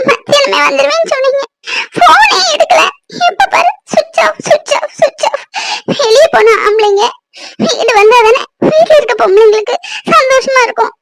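A woman voicing a tearful, devoted young wife in a cartoon, pleading and sobbing in a high voice. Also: vocal fry, full character voice.

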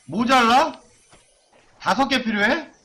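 Guy streaming a game, high lively voice, chanting numbers n cussing, slow drawl between bursts. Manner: excited chanting and cursing while gambling on item upgrades. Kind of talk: live game stream commentary.

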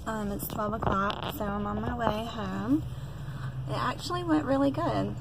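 Gravelly woman chatting in a car. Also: on the high side, measured pace. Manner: chatty, rambling, upbeat, many fillers. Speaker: vlogger. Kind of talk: casual chat to camera. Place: inside a car on the road. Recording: loud car road noise.

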